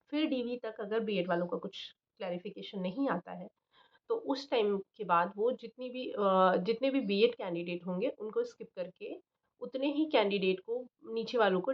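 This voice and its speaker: A young woman chatting casually about exam results, thinking aloud with fillers and restarts. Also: medium pitch. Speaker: channel host, teaching job aspirant. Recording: slightly dull lo-fi recording.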